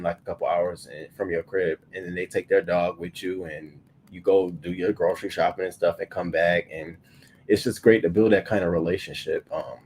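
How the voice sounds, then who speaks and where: A man in his thirties hosting a livestream morning show, chatting loosely with profanity and sudden loud bursts into a webcam mic. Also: low voice, slight background noise. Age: 30s. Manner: loose, profane and animated, often bursting louder. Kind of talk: casual livestream chat.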